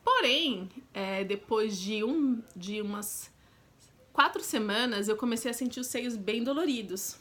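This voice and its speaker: Brazilian girl telling her story to the camera, talks straight to you, kinda high pitched. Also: expressive, measured pace, fairly bright tone. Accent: Brazilian Portuguese. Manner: chatty and direct, with frequent asides to the viewer. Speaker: vlogger. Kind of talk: casual storytelling.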